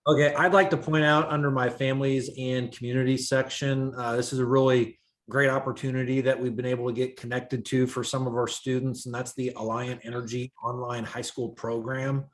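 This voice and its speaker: A man giving a school board report over a video call, his volume rising and dipping unevenly, with halting pauses and fillers. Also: medium pitch, level tone.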